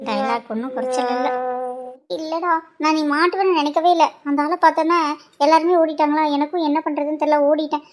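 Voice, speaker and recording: Brief: a woman as a cheeky cartoon heroine, high bright voice, teasing and whiny. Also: steady tone, fast, faint music behind, natural voice. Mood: coaxing. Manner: teasing, coaxing, whiny when scolded. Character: playful teasing young woman, sharp-tongued. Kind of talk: cartoon voice acting.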